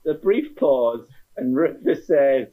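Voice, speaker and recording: A man narrating as game master of a tabletop role-playing game, wry and unhurried with playful asides. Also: mid-range voice, expressive. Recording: dull lo-fi sound.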